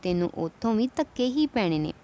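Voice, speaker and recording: A woman voicing a gentle, wise male saint who teaches in a calm, instructive way in a devotional story. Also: high-pitched, brisk. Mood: admonishing.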